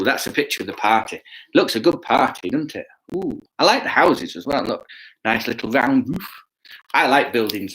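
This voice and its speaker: Reading a bedtime story for children, this man keeps things lively with conversational asides and plenty of questions aimed at his audience. He speaks at a medium pitch, captured on a low-quality recording.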